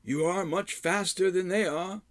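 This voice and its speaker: A man voicing a gaunt old male hermit who chides slowly in a high, quavering voice. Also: no room sound, clean studio sound. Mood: chiding. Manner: slow, drawn-out, high quavering delivery. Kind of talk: audiobook character voice.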